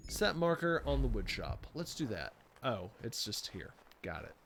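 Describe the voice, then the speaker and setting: Joking game streamer, man, lively voice that swings up and down. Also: medium pitch, normal speed, slight background noise. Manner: joking, self-mocking. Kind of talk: gameplay commentary.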